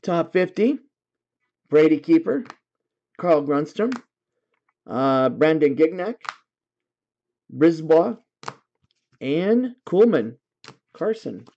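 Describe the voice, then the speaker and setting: A man's voice: fairly high pitch, sing-song, slow, pauses often, warm tone, lo-fi sound, a little hiss or hum. A man hosting a livestream card break, casually reading out card names in lists and talking to his viewers.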